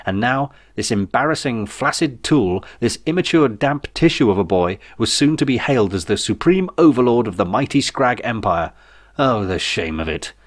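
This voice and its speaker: Reading his own comic novel aloud as its narrator, this author uses a wry, theatrical delivery. His voice is fairly low, captured dry and clean in a studio for a scripted audiobook.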